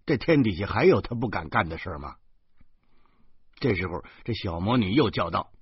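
A man reading a first-person novel aloud, animated and slow. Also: low voice, breathy edge, no room sound. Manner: animated storyteller, slow and drawn out. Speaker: audiobook narrator. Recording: dull dry lo-fi recording.

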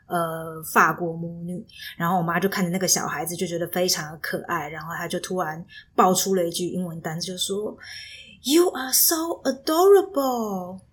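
Chatty Taiwanese woman, husky voice. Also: fairly low pitch, flat delivery, a little fast, fairly bright tone. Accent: Taiwanese Mandarin. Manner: chatty, storytelling with frequent fillers. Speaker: podcast host. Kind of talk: casual solo podcast chat. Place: small rented room at home. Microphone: professional microphone.

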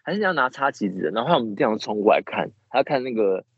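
Taiwanese mandarin guy venting about customers super fast, husky, muffled remote recording. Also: mid-range voice, dry recording. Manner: rambling, animated retelling with many restarts. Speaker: podcast co-host. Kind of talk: casual storytelling chat.

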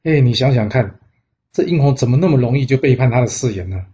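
A male storyteller narrates a classic tale in a chatty, conversational way. He keeps asking the listener rhetorical questions. His voice is mid-pitched, and the recording sounds dull and lo-fi. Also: animated, fast, warm tone.

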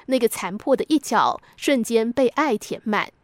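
A woman narrating a scripted story for a podcast in a gentle, reflective way. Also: fairly high pitch, lively intonation, moderate pace, dry recording.

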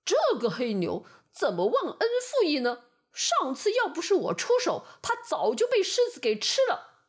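A smug storybook bull who brags with a high, lively voice, as a woman puts him on. He sounds pleased with himself and sure of his own strength. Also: normal speed. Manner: smug, boastful. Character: smug, protective male bull, self-satisfied.

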